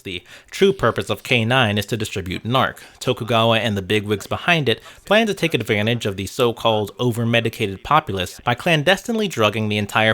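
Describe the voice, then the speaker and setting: Background music accompanies a man narrating a scripted video essay. His voice sits on the lower side but carries a fairly bright tone. He's wry and conversational, dropping in asides and the odd casual swear.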